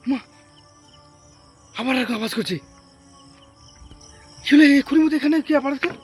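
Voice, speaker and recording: A man's voice: extremely high pitch, normal speed, soft background music. A man filming a ghost-hunting vlog, talking to his viewers as friends with jumpy, frightened exclamations. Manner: jumpy, frightened exclamations, repeated calls of mother. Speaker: vlogger.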